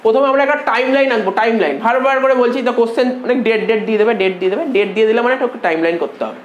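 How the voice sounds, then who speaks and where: A man's voice: very high voice, rapid-fire, lo-fi sound. A man tutoring commerce students in an informal lecture, who repeats himself and keeps checking that they follow. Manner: repetitive, checks understanding often. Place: tutoring classroom. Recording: echoey room, faint background noise.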